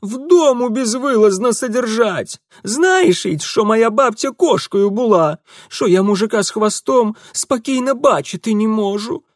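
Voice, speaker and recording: A man voicing a sharp-tongued, plump red-haired shopkeeper's wife with a Ukrainian accent in an audiobook. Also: very high voice, normal speed, hardly any pauses, no room sound, studio quality, voice pushed up. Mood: scolding. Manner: sharp-tongued, then coquettish.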